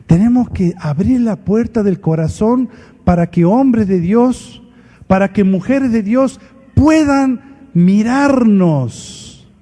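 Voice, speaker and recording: A man's voice: high voice, warm tone. A man preaching a sermon at a conference, emphatic, acting out quoted dialogue in his examples. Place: large conference hall at a retreat. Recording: long hall reverb.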